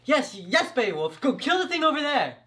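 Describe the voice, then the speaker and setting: A man's voice: extremely high pitch, big pitch swings, normal speed, pushed and bright, full character voice. A young man playing a panicky, whiny medieval Danish king in an amateur comedy sketch. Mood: pleading, impatient. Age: young adult.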